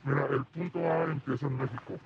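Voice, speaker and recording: A man's voice run through a disguising filter, gravelly and rough. The altered sound comes through muffled and dull, with loud noise all around. It is an interview recorded outdoors. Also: mid-range voice, steady tone, fast talker. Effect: voice altered to disguise identity.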